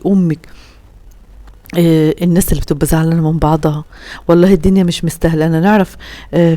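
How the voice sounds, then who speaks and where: A woman's voice: fairly low pitch, warm tone, dry recording. A woman from Upper Egypt with an Upper Egyptian Arabic accent, chatting earnestly with viewers as a home vlogger and giving heartfelt advice full of pious phrases.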